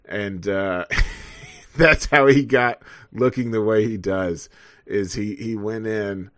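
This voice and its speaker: Low-voiced, profane male co-host. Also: slow pace, fairly bright tone, no echo, studio quality. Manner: profane, rambling, frequent fillers. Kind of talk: casual chat while watching a fight stream.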